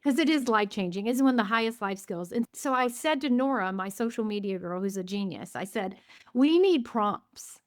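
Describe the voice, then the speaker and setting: This podcast guest, a gratitude coach and author in her fifties, has a mid-range voice and tells stories with animated shifts in pace and frequent self-quotes. It's a conversational interview, recorded at studio quality with no echo.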